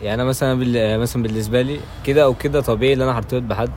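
A young Egyptian man in his early twenties who talks very fast and lays out his reasoning earnestly and at length. His voice sits at a middle pitch over a steady bed of outdoor noise. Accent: Egyptian Arabic. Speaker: podcast guest. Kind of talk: casual chat.

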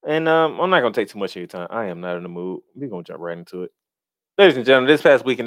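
A man's voice: medium pitch, a bit bright, clear, resonant tone, dry recording. A man hosting a sports podcast as a fan, sounding disgruntled and complaining, emphatic and then dropping into asides. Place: podcast recorded in Florida.

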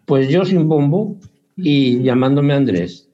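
A dark-toned, fairly high-pitched man talks slowly in a casual interview as a basketball parent. Hesitant and rambling, he often corrects himself, and the sound is dull and lo-fi.

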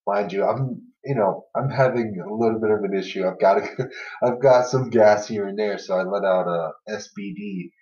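A young man tells loose, filler-heavy anecdotes in a casual podcast chat, laughing through the funny parts. His voice sits low. He sounds set back from the mic in a roomy space with a dull, lo-fi tone. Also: expressive, normal speed, a little mellow, recorded from a distance. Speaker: podcast co-host.

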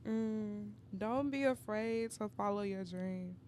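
A young woman chatting as a podcast guest, easygoing and quick to laugh. Her voice sits at a middling pitch. Faint background noise runs under her. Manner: relaxed, laughs easily, many fillers. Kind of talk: casual chat.

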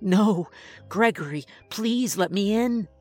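Male narrator doing a creature posing as a weeping mom, high, shrill, pleading, faint music behind. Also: slow pace, a little mellow. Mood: desperate. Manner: desperate, tearful begging. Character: monster faking a sobbing mother, pleading.

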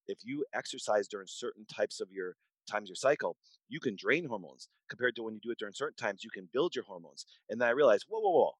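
Emphatic man in his forties, deep and dry. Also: animated, quick pace, few pauses, dry recording, rough recording. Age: 40s. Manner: emphatic, repeats words, restarts sentences. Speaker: podcast guest, doctor. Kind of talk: conversational interview storytelling.

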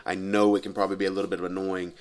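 A man's voice: sits low, flat delivery, very fast, clear, resonant tone. A man with a nasal voice, stuffed up with a cold, talking casually and directly to his listeners as a podcast host. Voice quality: nasal, congested voice. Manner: informal, addresses listeners directly. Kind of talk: casual solo podcast talk.

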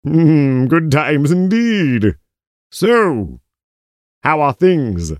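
A man's voice: on the high side, big pitch swings, extremely slow, darkish tone, dry recording, exaggerated voice. A man playing a dry, secretive schemer in a comic audio drama, formal, terse and disapproving. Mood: wry, ominous.

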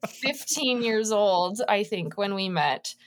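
A woman's voice: medium pitch, expressive, slow pace, slight background noise, rough recording. Chatty woman in her thirties, podcast co-host. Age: 30s. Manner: chatty, rambling, informal. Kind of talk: casual chat, introducing a guest.

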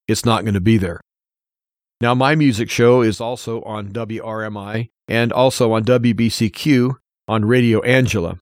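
Speaking in a low-ish voice, this American radio host gives his opinions informally, earnest and plain-spoken, and frequently repeats points to stress them. The sound is dry and clean, as from a studio.

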